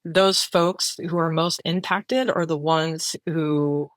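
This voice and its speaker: A low-voiced woman talks casually and reflectively as a podcast guest, often tossing in filler words and quick check-ins. The recording is dry and close. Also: steady tone, dry recording. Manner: reflective, casual, frequent "like" and "right?". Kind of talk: conversational interview answer.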